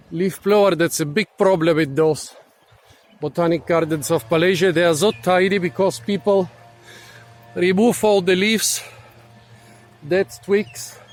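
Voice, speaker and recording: Guy vlogging on a hike, kinda out of breath, talks slow, bit of a higher voice, lots of pauses. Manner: unhurried, thinking aloud with pauses and restarts. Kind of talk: casual walking vlog narration. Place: outdoors in a tropical botanic garden.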